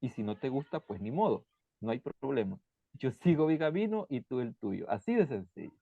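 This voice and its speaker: A man hosting his channel, talking in a relaxed, plain way with some restarts over a call. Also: medium pitch, moderate pace, gravelly, a crowd in the background. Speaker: channel host. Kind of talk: casual conversation. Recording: dry, dull lo-fi sound.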